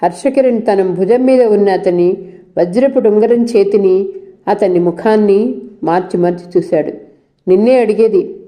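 A woman storyteller reading a novel aloud in steady, scripted narration. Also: medium pitch, unhurried.

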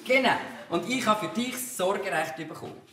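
A man with an Arabic-accented German playing a commanding, fast-talking schemer who bosses his group around in a stage comedy. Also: sits high, animated, over music. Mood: bossy. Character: bossy Lebanese-Swiss family schemer. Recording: roomy, noisy stage recording from far off.

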